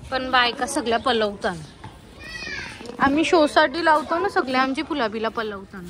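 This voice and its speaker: A woman's voice: high-pitched, animated, normal speed. A woman, chatting casually to her viewers in a family vlog, pointing things out as she goes outdoors. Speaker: vlogger. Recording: loud music and crowd behind.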